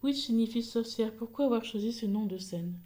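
A woman asking interview questions and recounting a project in a halting, casual way. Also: on the high side, over music. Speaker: resident interviewer. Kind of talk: conversational interview.

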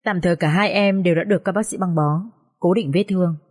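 A woman reading the part of a calm, careful schoolteacher in an audio story, giving a measured account of events. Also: on the low side, lightly acted.

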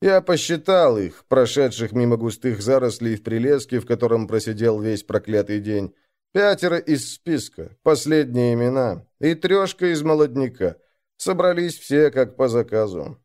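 A man reads a gritty first-person tale with a lively, swinging pitch. He stays at a middle pitch and slows down and climbs higher whenever a character shouts. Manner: voices the characters with raised, slowed shouts. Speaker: narrator. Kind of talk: dramatic first-person story reading.

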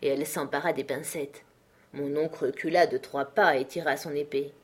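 A woman reading a classic novel aloud as an audiobook, in a measured and expressive storytelling manner. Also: sits low, breathy edge. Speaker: audiobook reader. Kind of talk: literary narration.

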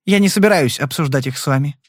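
A man's voice: on the high side, quick pace, husky, no echo, studio quality. A man voicing a fierce, defensive middle-aged wife in an audiobook, speaking in an insistent, protective way. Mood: defiant.

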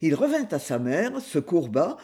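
A man reading a novel aloud as an audiobook narrator, with a husky voice and lively storytelling. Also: fairly high pitch, unhurried. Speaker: audiobook reader.

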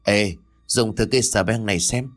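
A man's voice: on the low side, moderate pace, a bit bright, faint music behind, close to an everyday voice. A man voicing a brash young henchman with a blunt, mocking way of talking in an audio ghost story.

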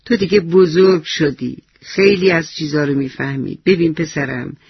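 A man voicing a kind, wise grandfather who speaks slowly and tenderly. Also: on the high side, steady tone, gravelly, breathy edge, no echo, muffled recording, full character voice. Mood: gentle. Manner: gentle, slow and tender.

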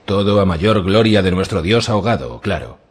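A man's voice: sits low, animated, moderate pace, breathy edge. A man voicing a scheming, ambitious male pirate lord in an audiobook reading, with a boastful, grandiose manner.

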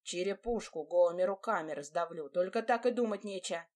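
A blunt, gruff peasant boatman, voiced by a woman reading aloud, talking in a lowered, rumbling tone. He speaks in a plain rustic manner, grumbling openly, as a figure in an audiobook. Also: fairly quick, a little mellow, close to an everyday voice.

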